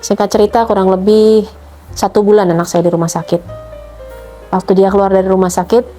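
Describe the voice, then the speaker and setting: Over faint music, a mother in middle age recounts her conversion story concerning her child, her delivery flat and brisk and her tone dark. She emotionally retells what happened and acts out the exchanges, her pitch rising.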